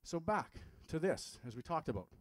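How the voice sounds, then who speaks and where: This health practitioner speaks in a slightly high, sing-song voice at normal speed, and the recording is dry. He runs his live seminar like a conversation, quizzing the audience and cracking jokes along the way.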